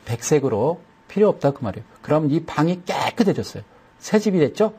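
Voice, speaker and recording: A man's voice: a little high, sing-song, brisk, mellow, breathy edge. A man giving a chatty broadcast lesson on stock chart settings, repeating each step and slipping in folksy jokes.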